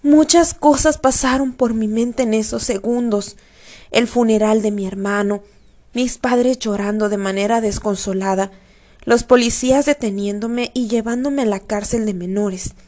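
A woman reading a first-person story aloud in a steady, expressive way. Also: fairly high pitch, moderate pace. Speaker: audiobook narrator.

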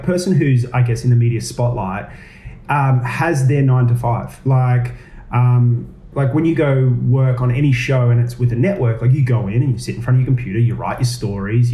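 A man's voice: mid-range voice, dark tone, slight background noise. An Australian man from the Gold Coast, a TV presenter, chatting in an interview with many fillers and restarts. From Gold Coast, Queensland, Australia. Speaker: TV presenter and actor. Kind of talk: casual interview chat. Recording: roomy echo.

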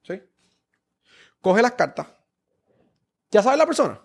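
Magician, high gravelly voice, lively and playful, coaxing through a card trick. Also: male voice, takes it slowly. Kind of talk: casual card trick performance.

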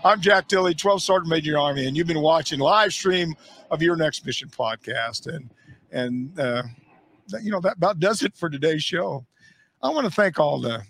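An older American man, a retired Army sergeant major, signs off his podcast with a heartfelt address to viewers. His fairly high, slightly bright voice comes across casual, earnest, folksy and emphatic.

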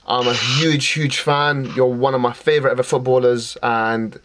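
A man's voice: medium pitch, fairly even intonation, moderate pace, a bit bright. A man hosting a football podcast, enthusiastic and informal. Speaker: podcast host.

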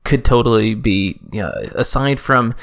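A man co-hosting a podcast, chatting casually and rambling with many halting restarts. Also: mid-range voice, fairly bright tone. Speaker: podcast co-host. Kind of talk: casual chat.

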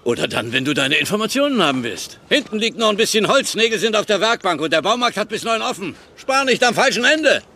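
A man's voice: high voice, big pitch swings, fairly quick, hardly any pauses, bright, forceful tone, a little hiss or hum, full character voice. An actor playing a stern, demanding middle-aged father in a TV drama dub, lecturing and curt. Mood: dry, bossy. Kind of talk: German TV series dub acting.

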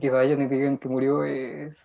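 A young man in his teens with a Chilean accent, telling a story in a casual chat, animated and slangy with frequent laughs. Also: mid-range voice, normal speed, creaky, lo-fi sound. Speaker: podcast co-host.

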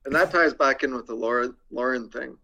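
A young man as a podcast guest, deadpan with crude jokes and hesitant with many ums. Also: medium pitch, a little fast, creaky. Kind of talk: casual interview chat.

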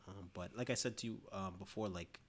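Animated storytelling man, podcast host. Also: sits low, a little fast. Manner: animated storyteller, acts out quotes with laughter. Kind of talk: casual conversation, storytelling.

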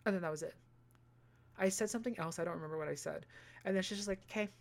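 A young male vlogger with a high voice rattles off stories in a loose, animated monologue, cursing freely and throwing in sassy asides. He talks fast, and his voice has a creaky edge.

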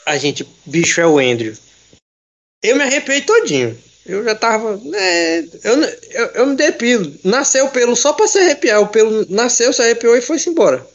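A man in casual chat with friends, retelling a film as an animated, jokey storyteller full of slang. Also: very high voice, moderate pace, few pauses, muffled recording.

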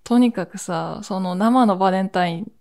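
A woman's voice: mid-range voice, creaky, a little mellow. Podcast host in her 40s, from Akita: a woman with a chatty, meandering solo storytelling style. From Akita, Japan. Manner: chatty, drawn-out storytelling with laughs and asides.

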